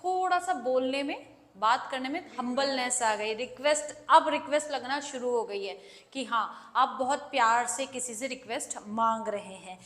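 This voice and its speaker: A woman with an Indian accent teaching an English grammar lesson, explaining patiently and acting out example sentences slowly. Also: high voice, a bit bright. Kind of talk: classroom-style grammar lesson. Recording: echoey room with long reverb.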